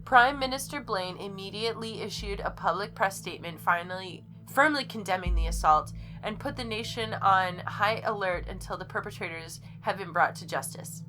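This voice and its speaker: A woman who speaks English natively hosts a gaming video, reading game text aloud and chatting playfully, sometimes stumbling over words. Her medium-pitched voice is pushed and bright, moving at a moderate pace with hardly any pauses, over game music in a low-quality recording.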